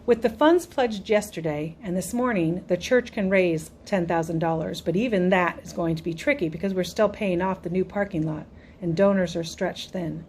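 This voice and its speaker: A tired, steady father reads out grim figures to a church board, slow and businesslike, as a woman narrator puts him on. The voice sits fairly low and deliberate, told as an audiobook scene. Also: slight background noise, close to an everyday voice. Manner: measured, businesslike summarizing. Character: weary middle-aged father, church board leader.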